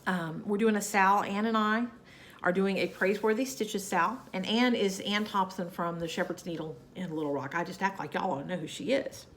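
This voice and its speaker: Speaking at normal speed in a mid-range voice, a woman with a Southern US accent chats to camera about her cross-stitching. A cold makes her sound nasal and scratchy, and she wanders through fillers and asides.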